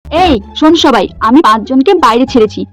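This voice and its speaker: A woman's voice: high-pitched, lively intonation, fairly quick. A woman acting out a bossy class monitor in a comic sketch, scolding and threatening classmates. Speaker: comedy sketch creator. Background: music.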